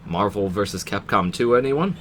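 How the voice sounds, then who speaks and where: A low-pitched American man narrates a scripted game review. His intonation is very lively, with casual wry asides, over faint noise. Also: moderate pace.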